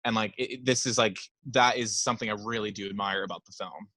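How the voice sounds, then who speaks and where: A man's voice: on the low side, fairly even intonation, fast talker, pushed and bright, no room sound. A young man talking about films in a casual podcast chat, enthusiastic and rambling with many fillers. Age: young adult. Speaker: podcast guest.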